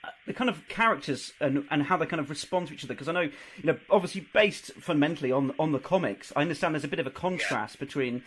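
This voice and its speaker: Fast-talking male interviewer. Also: a little high, a bit bright. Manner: rambling, hedging questions with fillers. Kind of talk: casual interview questions.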